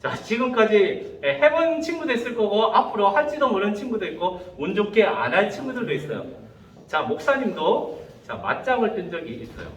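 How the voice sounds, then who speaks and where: A man preaching a sermon to young people as pastor, telling stories with lively quoted voices. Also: high-pitched, brisk, slight background noise. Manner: animated storytelling, acting out quoted voices. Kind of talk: sermon to youth. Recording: echoey room, voice from a distance.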